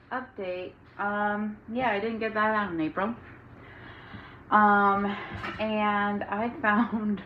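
A tired, breathless young woman chats casually to the camera about her cross-stitch projects, rambling with lots of ums. Her mid-range voice comes through lo-fi with a bit of hiss or hum, recorded in a room at home with the windows open.

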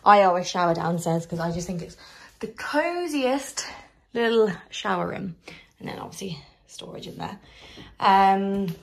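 A woman's voice: lowish voice, animated, normal speed, gravelly. A young woman chatting casually and rambling as she walks a camera through the rooms of her small house. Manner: chatty, rambling, filler-heavy. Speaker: vlogger. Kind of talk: casual house tour vlog. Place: small house indoors, moving between rooms.

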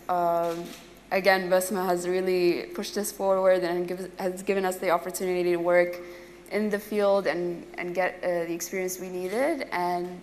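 A woman's voice: lowish voice, a little hiss or hum. A young woman, a design student, speaking earnestly and candidly on a panel stage. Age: young adult. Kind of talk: panel discussion. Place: stage in a large event hall. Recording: echoey hall with faint ambience.

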